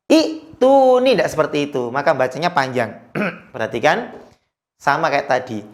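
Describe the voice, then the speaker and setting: A Quran recitation teacher giving a recorded lesson, chanting verses slowly in a higher voice and explaining the rules quickly in a lower one.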